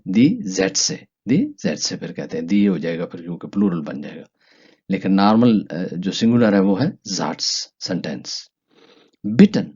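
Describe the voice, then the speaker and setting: A lower-voiced man walks through German vocabulary, drawing each German word out slowly and lifting his pitch on it. His tone is dark and mellow. The recording sounds dull and lo-fi. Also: slightly rough. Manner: stretches out German words slowly, with pitch jumps on them. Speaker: German language teacher. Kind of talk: language lesson explaining vocabulary.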